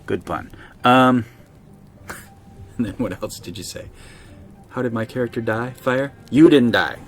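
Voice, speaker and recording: A man streaming a game live, excitably talking to his units and chatting with viewers. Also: mid-range voice, unhurried, soft background music. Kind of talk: live let's-play commentary.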